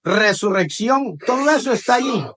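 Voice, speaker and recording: A man with a high, expressive voice preaches a teaching sermon to his congregation at a slightly slow pace. He leads call-and-response and caps his phrases with "¿verdad?".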